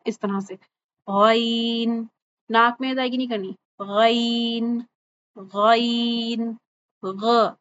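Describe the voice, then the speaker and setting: Woman tajweed teacher. Voice a touch high, patient, models letters slowly. Slightly muffled recording. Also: slight background noise. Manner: patient, repeats each sound slowly and checks with "thik hai?". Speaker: Quran recitation teacher. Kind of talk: online tajweed lesson. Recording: slightly dull lo-fi recording with faint ambience.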